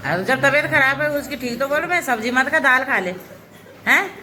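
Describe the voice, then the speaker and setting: A woman from Uttarakhand chatting casually at home for her vlog, talking in a lively, teasing way with the children around her. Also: sits high, a little fast, slight background noise, low-quality recording. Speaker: vlogger.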